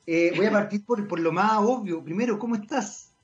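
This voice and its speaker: A man's voice: high-pitched, moderate pace, dull audio, faint music behind. A Chilean man hosting a casual radio interview, chatty and self-mocking, talking at length. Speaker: radio host.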